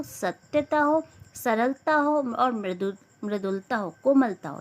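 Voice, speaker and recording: A young woman teaching a lesson, reading each verse aloud and then explaining it word by word, sometimes correcting herself. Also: a little high. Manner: corrects herself mid-sentence.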